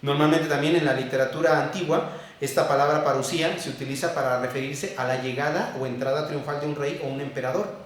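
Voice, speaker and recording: A man preaching an expository sermon, teaching carefully and repeating key words slowly. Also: on the high side, steady tone. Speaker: pastor. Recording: very echoey church room, distant mic.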